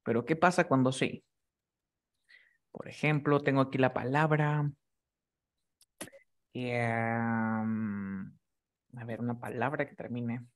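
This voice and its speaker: Man, English teacher, patient classroom explanation, frequent check-in questions, middle pitch. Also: steady tone, slow, pauses often.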